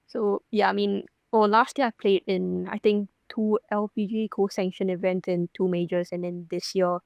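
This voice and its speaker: A woman's voice: medium pitch, fairly even intonation, normal speed, gravelly, no room sound, highs cut off. A young woman from Singapore, a professional golfer, chatting casually in an interview with many fillers and restarts.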